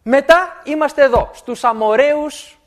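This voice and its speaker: A man preaching a sermon, animated and repeating words for emphasis. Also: very high voice.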